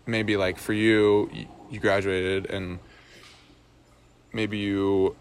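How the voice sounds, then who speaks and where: Young man, low voice, reflective rambling chat, faint background hiss. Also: flat delivery, takes it slowly. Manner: reflective, rambling with many fillers and restarts. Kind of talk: casual chat.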